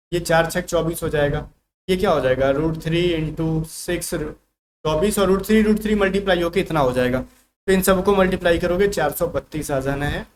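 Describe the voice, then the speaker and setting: A man's voice: sits high, a little hiss or hum. Man teaching math step by step. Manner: casual Hindi-English mix, talks through working step by step. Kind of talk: online exam-prep math class.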